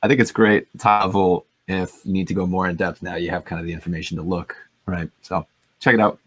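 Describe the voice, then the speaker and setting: Brief: Canadian man, very deep and husky, easygoing co-host, dry sound. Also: fairly even intonation, fast talker, dry recording. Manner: laid-back, agreeable, short replies. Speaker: podcast co-host. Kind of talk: casual tech chat.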